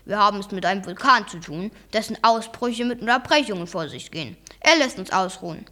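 A young reader voicing a calm, stern old professor uncle in a storybook reading, speaking slowly and evenly. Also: female voice, medium pitch, pitched below the performer's own voice. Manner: slow, calm and measured. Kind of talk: read-aloud storybook voice.

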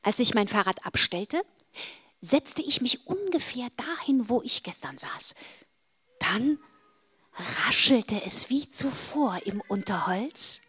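A woman narrating a children's adventure story in the first person, pausing dramatically and often dropping to a whisper. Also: on the high side, sing-song, fairly bright tone, slightly rough.

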